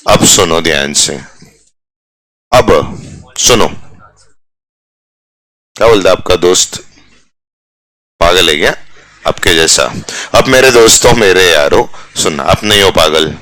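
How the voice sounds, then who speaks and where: Male commerce teacher, low pitch with a forceful edge, jokey classroom banter, switches to English catchphrases. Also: measured pace, long pauses, no room sound. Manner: teasing, jokey, mixes English phrases into Hindi. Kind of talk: live classroom lecture.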